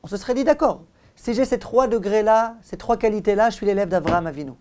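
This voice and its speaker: A rabbi gives a Torah lesson, lecturing emphatically and didactically, repeating phrases and putting direct questions to his listeners. His voice is high-pitched and darkish, and he talks fast. There is a little hiss or hum.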